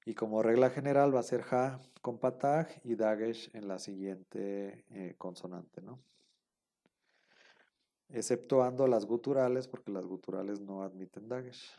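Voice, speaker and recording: A man's voice: on the low side, measured pace, dark tone. A man teaching an online class, explaining patiently step by step and often checking that students follow.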